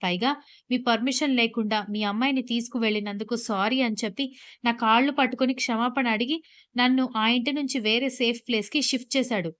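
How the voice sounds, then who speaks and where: A gentle older mother who chats fondly with her daughter, as a woman reads her lines. The voice is a little high and warm in manner, a simple storybook reading. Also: fairly even intonation, brisk, close to an everyday voice. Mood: affectionate.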